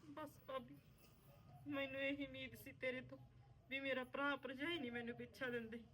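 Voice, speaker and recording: Amateur drama: woman as a sorrowful aunt, high bright voice, tearful pleading delivery. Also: little pitch movement, moderate pace, rough recording. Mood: grieving. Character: grieving married woman, sister-in-law, wronged and weary. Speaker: aunt (bhua) returned from abusive in-laws.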